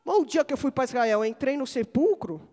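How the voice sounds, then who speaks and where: A woman's voice: sits high, animated, brisk, a little mellow. A woman pastor with a Brazilian accent preaching a sermon in a large church, telling funny stories before building to emphatic preaching. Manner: humorous storytelling, rising to emphatic preaching. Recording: long reverb of a church hall.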